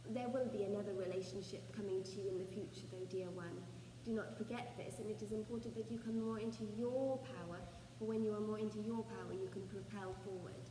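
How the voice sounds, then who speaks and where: A woman speaking as a seance medium channelling spirit messages, with formal, ceremonial phrasing and deliberate pauses. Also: mid-range voice, fairly even intonation, mellow. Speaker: trance channeller, spirit medium leading a session. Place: echoey room, away from the microphone. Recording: roomy, reverberant, distant mic, faint noise.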